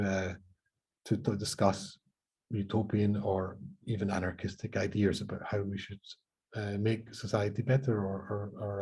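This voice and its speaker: A man's voice: lowish voice, dark tone, breathy edge. A middle-aged Scottish man from central Scotland, speaking on a conference panel in a thoughtful, hesitant way with many restarts. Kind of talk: panel discussion.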